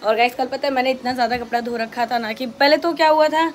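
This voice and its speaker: A woman's voice: high-pitched, fast talker, a little hiss or hum. A woman chatting casually to her viewers in a home vlog, walking through her day at home, now and then turning to her small child. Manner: chatty, narrates her day to viewers, switches to sing-song baby talk with her child. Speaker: home vlogger and mother. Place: home indoors.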